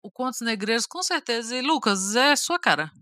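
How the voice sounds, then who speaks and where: A Brazilian woman with a bright, clear voice talks about books in a relaxed podcast chat. She is enthusiastic and emphatic and often repeats a phrase for effect. The sound is dry and close. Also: a little high, moderate pace, dry recording. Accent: Brazilian Portuguese. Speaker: podcast co-host. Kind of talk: casual book chat.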